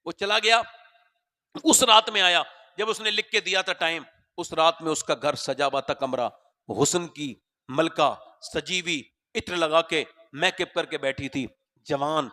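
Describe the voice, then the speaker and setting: A man's voice: on the high side, steady tone, bright, forceful tone. A male preacher giving an impassioned sermon at a religious gathering, telling stories dramatically.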